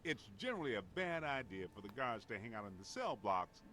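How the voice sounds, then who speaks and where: A man voicing a practical ghost hunter in a video game, shouting combat callouts and making dry remarks. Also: fairly low pitch, sing-song, a little fast, background noise. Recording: game audio with loud music score.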